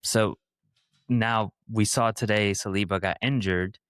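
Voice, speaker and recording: A man's voice: on the low side, fairly even intonation, a little slow, a bit bright, clear, resonant tone, no echo, studio quality. A man co-hosting a casual football podcast, rambling and thinking aloud with fillers. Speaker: podcast co-host.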